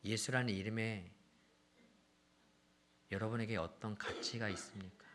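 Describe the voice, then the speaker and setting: A man in his thirties or forties preaching a sermon, telling a family story and swinging from hushed, near-whispered lines to loud, excited ones while asking the congregation questions. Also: lowish voice, a little slow, slight background noise. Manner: addresses the congregation directly with questions.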